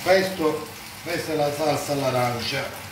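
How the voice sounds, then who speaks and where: A man in his forties giving a casual cooking demonstration, talking haltingly and often repeating and correcting himself. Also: fairly high pitch, recorded from a distance. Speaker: home cook presenting a recipe. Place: home kitchen, indoors. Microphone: phone held by someone a few steps away. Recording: roomy kitchen, off-mic, frying and sizzling noise.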